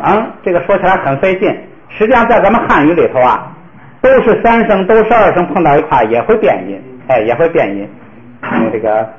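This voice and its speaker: A male language teacher, lecturing a class patiently and step by step, with many fillers. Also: fairly high pitch. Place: classroom with students. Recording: roomy, dull lo-fi classroom recording.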